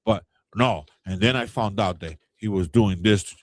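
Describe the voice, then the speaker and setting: A man co-hosting a podcast, telling a story in a casual, animated way. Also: on the low side, unhurried, dry recording. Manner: animated storyteller who acts out quoted people. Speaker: podcast co-host. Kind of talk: casual chat.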